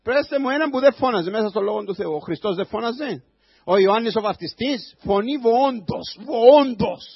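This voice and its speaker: A man pastor giving a sermon, building to loud, impassioned preaching. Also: high-pitched, expressive, vocal fry, husky, no room sound, highs cut off. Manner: preaching with a rising voice, shouting at times.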